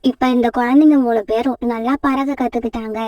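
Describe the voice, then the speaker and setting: A woman narrating a children's cartoon story in a steady, even storytelling manner. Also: on the high side, brisk, dry recording, far from the mic.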